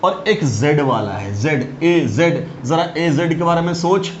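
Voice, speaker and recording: A man's voice: a little high, expressive, measured pace. A male teacher giving a lecture, who keeps checking with his students and calls them "beta". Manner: keeps asking the students questions. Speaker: chemistry teacher. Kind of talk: classroom lecture. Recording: dull lo-fi recording, faint hiss.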